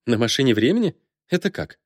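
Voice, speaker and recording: A man's voice: mid-range voice, big pitch swings, fast, dry recording, studio quality. A man voicing a wary, prickly female army cook who asks curt, suspicious questions, in an audiobook.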